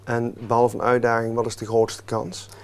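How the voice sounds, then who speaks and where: A man hosting a local television talk show. He introduces his guest and keeps the conversation going with friendly, prompting questions in an ordinary, mid-pitched voice. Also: monotone, moderate pace. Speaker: TV show presenter.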